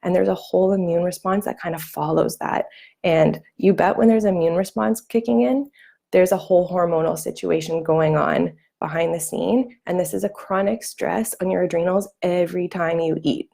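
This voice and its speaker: Gravelly-voiced woman hosting a live wellness talk. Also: on the low side, moderate pace, mellow. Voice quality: gravelly morning voice. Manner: chatty, many fillers and restarts. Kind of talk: live-streamed talk with viewer questions.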